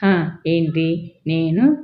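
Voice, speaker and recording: A man's voice: a little high, expressive. A woman doing a cool, teasing older man. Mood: calm teasing. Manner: cool and unhurried, mildly mocking. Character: older man back from the dead, calm, teasing. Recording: dull lo-fi recording.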